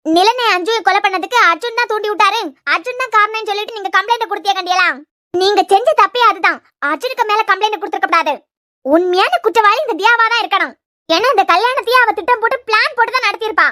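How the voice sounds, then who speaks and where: A woman's voice: very high voice, fast talker, sharp tone. A woman voicing a bitter, vengeful middle-aged aunt making accusations in a Kanyakumari Tamil accent, in a cartoon serial.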